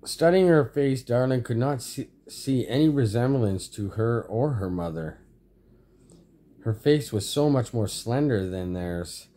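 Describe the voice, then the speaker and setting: A man reading a story aloud as narrator, halting and repeating words. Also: medium pitch, expressive, mellow. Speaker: amateur story reader.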